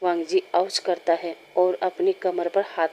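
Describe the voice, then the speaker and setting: A woman narrating a fan-fiction story in a steady, plain storytelling manner. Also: fairly low pitch, a little slow.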